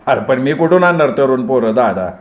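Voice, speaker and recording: A man's voice: mid-range voice, lively intonation, brisk, close to an everyday voice. Man doing a frightened, pleading official. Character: terrified corrupt male official Sambhajirao. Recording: roomy echoey recording.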